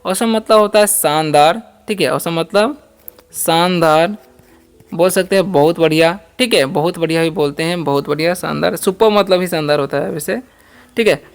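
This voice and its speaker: A man's voice: on the high side, normal speed, clear, resonant tone. A man teaching a beginners' spoken English lesson, explaining word by word and asking and answering his own questions. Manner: often adds "ठीक है" checks.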